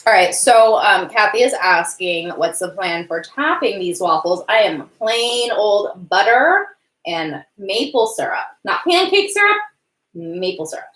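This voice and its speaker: A woman's voice: mid-range voice, animated, a little slow, a bit bright. A woman hosting a casual live cooking stream, chatty and giggly, reading viewer questions aloud. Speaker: cooking show host. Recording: roomy kitchen echo, faint noise.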